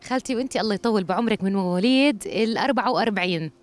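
A young woman TV host reporting from outdoors and interviewing locals with lively, engaged questions. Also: mid-range voice, racing.

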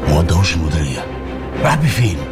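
Brief: a cold, threatening Egyptian official, deep voice over heavy score. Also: male voice, big pitch swings, rapid-fire. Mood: menacing. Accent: Egyptian Arabic. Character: menacing male official hunting a missing file. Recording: loud film music underneath. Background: film score music.

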